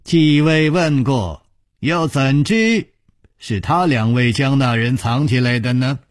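A man voicing a stern, commanding young leader of a beggars' sect who speaks in measured, weighty phrases. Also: mid-range voice, animated, dry recording, clean studio sound.

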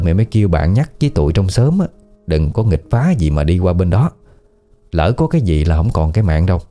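A man with a Southern Vietnamese accent, telling a ghost story in a casual, conversational way. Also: deep voice. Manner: conversational, colloquial, lively storytelling. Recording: faint background music.

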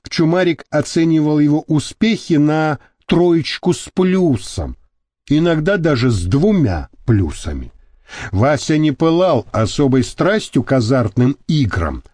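Guy reading an audiobook, animated voice, a bit high, dry sound. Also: unhurried, no room sound. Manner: lively, expressive reading. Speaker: audiobook reader. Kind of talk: scripted narration.

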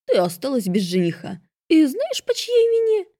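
A woman's voice: medium pitch, sing-song, unhurried, vocal fry, mellow, breathy edge, dry recording, studio quality, heavily acted. A woman voicing a domineering middle-aged stepmother who barks harsh scolding orders. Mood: mocking.

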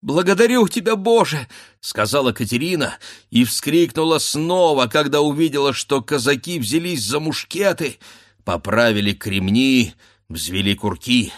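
A man's voice: mid-range voice, a little slow, dry recording, clean studio sound. A man narrating a classic story as a dramatic audiobook reading, telling the action with feeling. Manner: dramatic storytelling with voiced characters.

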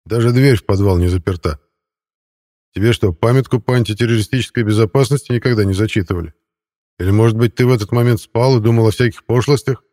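A man's voice: fairly low pitch, fast talker, warm tone, dry recording, clean studio sound, natural voice. A male narrator voicing a stern, commanding police colonel who scolds and gives orders in an audiobook. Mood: reproachful. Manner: stern and reproachful.

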